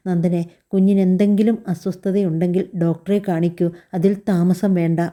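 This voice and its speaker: A worried young husband in a spoken family story, read by a woman. He reasons calmly with both sides. The voice is very dark and mellow. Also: fairly low pitch, moderate pace, close to an everyday voice. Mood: reasoning. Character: young husband, worried, caught between wife and mother.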